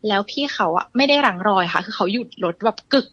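A woman's voice: medium pitch, expressive, quick pace, fairly bright tone, muffled recording. A young adult woman calling in to share a ghost story, talking casually with lots of polite fillers and often addressing the host. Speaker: caller sharing a ghost story.

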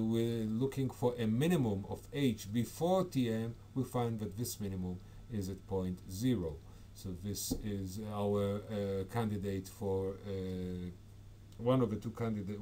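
Man presenting a technical conference talk, mellow, hesitant delivery with many "uh"s, faint background hiss. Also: on the low side. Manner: hesitant, frequent fillers and self-corrections. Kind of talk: academic talk over slides.

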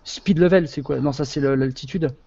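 A man's voice: on the high side, normal speed, mellow, husky, highs cut off. A man in a casual online chat while playing a flight simulator, informal and muttering through his tasks.

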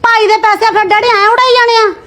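A woman's voice: very high-pitched, flat delivery, brisk, pushed and bright. A woman playing a married sister-in-law who scolds the spoiled daughter and argues about money. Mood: scolding. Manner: nagging, sarcastic. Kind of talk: Punjabi short-film acting.

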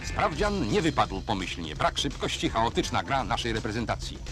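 A man's voice: medium pitch, sing-song, normal speed. A man giving wry, matter-of-fact narration in the style of a 1970s newsreel. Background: loud music.

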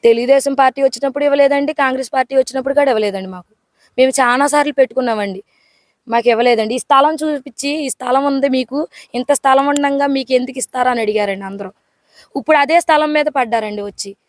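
A woman's voice: fairly high pitch, dry recording. A woman earnestly pleading her case to reporters outdoors, repeating her complaints.

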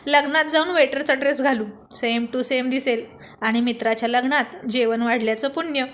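A woman's voice: sits high, fairly even intonation, fairly bright tone. A woman voicing a witty, teasing young man who leads his group of friends, in a storybook reading. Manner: teasing, quick comebacks.

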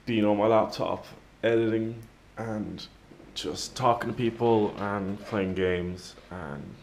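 A man in his twenties chatting casually to the camera at home, sounding tired and low-key, rambling with pauses. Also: slight background noise. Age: 20s. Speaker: daily vlogger. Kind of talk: casual vlog chat to camera. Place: home kitchen-living room, indoors. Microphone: camera at arm's length.

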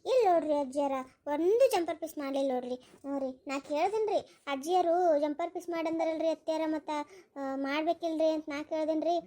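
A woman's voice: high-pitched, brisk, warm tone. A woman voicing a dutiful young daughter-in-law, polite and deferential, with a North Karnataka Kannada accent. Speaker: cartoon voice artist.

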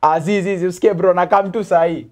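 A man's voice: sits high, fairly even intonation, fast, a little mellow. A young man with a Kenyan accent co-hosting a casual show, bantering in slangy speech that switches between Swahili and English. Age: young adult. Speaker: video show co-host. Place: small studio, seated at a table.

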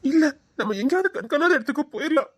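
This is Tamil audio drama acting: a woman voices a lovesick, desperate young man, pleading, saying a woman's name again and again, and issuing emotional threats. Her voice sits high with lively intonation, she speaks quickly, and there is no room sound.

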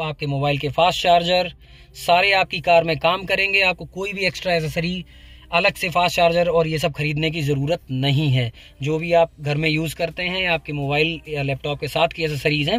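A man's voice: fairly high pitch, a bit bright, dry recording. A man hosting his own channel, explaining a car gadget step by step from inside a parked car. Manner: explains step by step, points at parts. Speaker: YouTube channel host. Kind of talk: casual product demo.

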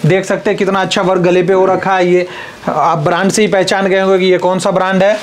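A male warehouse seller giving a sales pitch, brisk and repeating phrases to confirm. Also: little pitch movement, slight background noise.

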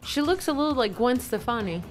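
A woman's voice: on the high side, lively intonation, brisk, soft background music. A woman chatting casually on a podcast, asking curious questions and laughing along. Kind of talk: casual chat.

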